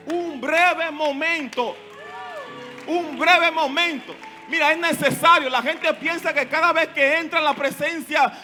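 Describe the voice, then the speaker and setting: Impassioned high-voiced male pastor preaching. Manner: impassioned preaching, often shouting. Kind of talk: sermon.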